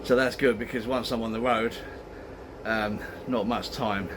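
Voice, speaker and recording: A man's voice: mid-range voice, steady tone, measured pace, background noise. A man giving a casual vlog update, grumbling and retelling conversations as he goes. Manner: grumbling, recounts exchanges as quoted dialogue. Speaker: travel vlogger.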